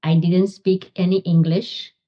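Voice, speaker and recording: Slow, halting Romanian-born woman, lo-fi. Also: on the low side, flat delivery. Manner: slow, halting, many ums. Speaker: guest, physician and author. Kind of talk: interview answers.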